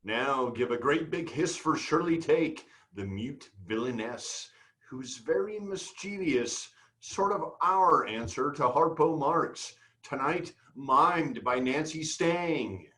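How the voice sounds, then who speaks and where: A man's voice: a little high, expressive, slow pace, sharp tone, poor audio. A man announcing a cast in a theatrical show introduction.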